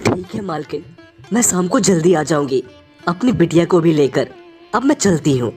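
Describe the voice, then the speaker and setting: A woman voicing a poor hardworking maid and mother, soft and humble, in an animated story. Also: on the low side, normal speed, music in the background, lightly acted.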